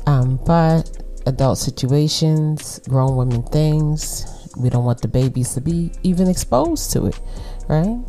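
A middle-aged woman with a Brooklyn accent hosting a casual solo podcast, talking to women listeners in a laid-back, unhurried, conversational way. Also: deep voice, expressive, dark tone, faint music behind. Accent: Brooklyn, New York. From Brooklyn, New York. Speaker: podcast host.

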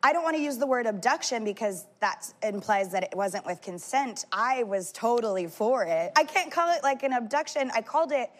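Woman rambling through a story, lots of like and restarts, kinda high voice. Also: animated. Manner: halting, full of "like" and restarts. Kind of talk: casual storytelling.

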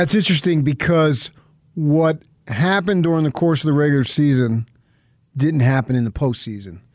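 A man's voice: fairly high pitch, darkish tone, no room sound. American man debating on dry studio radio. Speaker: sports radio co-host. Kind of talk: sports talk opinion and debate.

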